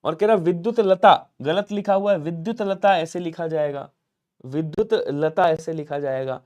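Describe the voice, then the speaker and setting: A man from Lucknow, India, teaching a live online exam-prep class. He asks questions and answers them himself, and keeps urging viewers to comment quickly. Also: a little high, a little mellow. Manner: drills answers by asking and answering his own questions. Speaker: Hindi teacher.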